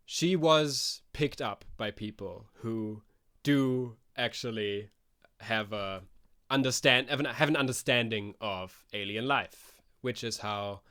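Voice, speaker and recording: A man's voice: medium pitch, takes it slowly, bright, forceful tone, clear, resonant tone. A man narrating as game master of a tabletop role-playing game, thinking aloud with many restarts.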